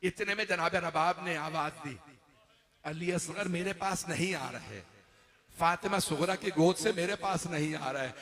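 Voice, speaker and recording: A male cleric recites a mourning sermon, building to long drawn-out wailing cries. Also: fairly high pitch, fairly bright tone. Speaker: Shia cleric reciting a majlis.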